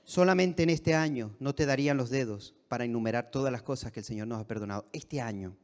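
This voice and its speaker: A man's voice: medium pitch, fast talker. Emphatic male preacher in an echoey church. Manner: emphatic, varying between soft and raised delivery. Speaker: co-pastor. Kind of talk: sermon. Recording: reverberant church hall.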